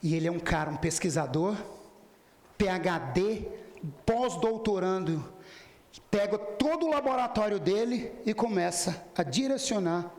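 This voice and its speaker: Speaking a little slowly and expressively, a man with a somewhat high, gravelly, darkish voice narrates a spiritist lecture as a story in a hall with noticeable echo. He voices the quoted lines of its characters and at times speaks straight to the audience.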